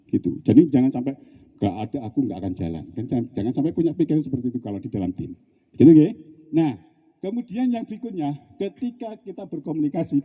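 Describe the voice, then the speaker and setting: Lively Javanese-accented man in an echoing hall. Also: mid-range voice, breathy edge. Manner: lively, jokey, acts out shouted instructions. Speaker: outbound training facilitator. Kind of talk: debriefing a team-building game. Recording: dull, long-reverb hall.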